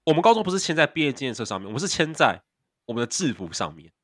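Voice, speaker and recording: A young man, co-hosting a casual podcast with quick, teasing reactions and casual swearing. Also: mid-range voice, sing-song, no echo, clean studio sound. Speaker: podcast co-host. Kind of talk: casual chat.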